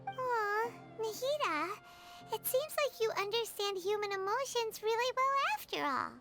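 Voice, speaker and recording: A woman voicing a small, chatty, excitable female fairy companion in a video game. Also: very high-pitched, a little slow, music in the background. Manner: bubbly, excitable, speaks of herself by name.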